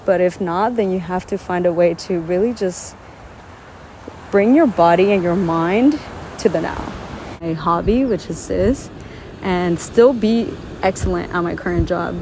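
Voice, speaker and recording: On a beach, a woman with a lowish voice, Spanish being her native tongue, talks casually to camera in an earnest, filler-heavy way. Loud waves make the outdoor background noisy.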